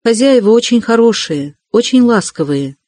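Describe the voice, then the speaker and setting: A timid young woman pleads fervently in a soft, lifted voice, as a man puts her on while reading an audiobook. The sound is dry and close, with no room around it. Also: extremely high pitch, lively intonation, moderate pace, dry recording, pitched above the performer's own voice. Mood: earnest. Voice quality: raised, soft and fervent delivery.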